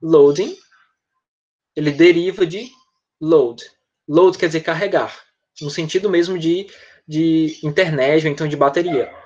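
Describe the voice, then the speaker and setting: Over dull, lo-fi online class audio, a Brazilian English teacher with a Brazilian Portuguese accent explains words to his students, checking in often with short tag questions like "né?" and "tá?". His voice is on the high side and a little mellow, with a measured pace and long pauses.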